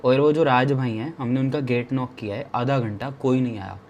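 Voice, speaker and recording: A man in his twenties telling a travel story in a lively way. He repeats phrases for drama and speaks straight to the listener. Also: mid-range voice, normal speed, muffled recording, a little hiss or hum. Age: 20s. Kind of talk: animated personal storytelling.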